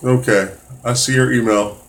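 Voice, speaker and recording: A man's voice: medium pitch, steady tone, moderate pace. Guy tutoring math on a live stream, chill and encouraging, lots of um and uh, regular voice. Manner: casual, encouraging, many fillers and restarts. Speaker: test prep tutor.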